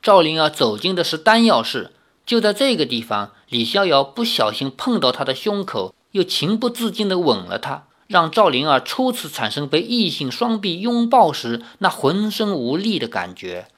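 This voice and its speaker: A man's voice: fairly high pitch, very animated, moderate pace, fairly bright tone. A man reading a novel aloud as an audiobook, telling the story expressively. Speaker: narrator.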